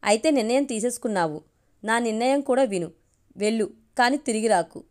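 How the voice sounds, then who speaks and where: Lady reading as a mocking proud husband, sneery storybook guy, voice on the high side. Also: expressive, brisk, darkish tone, lightly acted. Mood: cold. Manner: mocking, scornful.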